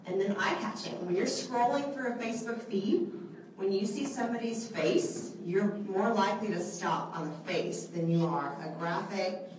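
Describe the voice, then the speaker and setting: A soft-voiced woman trainer leads a live selfie workshop for a small audience in an indoor room with a large window, speaking at medium pitch and a moderate pace. She's chatty, asks the group questions, and keeps checking in with lots of "okay?" and "right?". Her handheld mic sounds distant in the echoey room, with slight background noise.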